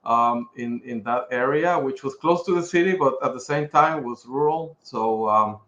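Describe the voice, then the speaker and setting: A middle-aged man with a Puerto Rican accent, a pharmaceutical executive from Puerto Rico, talks casually as a podcast guest in a mid-range, fairly bright voice at normal speed. The recording carries roomy echo and a slightly dull sound.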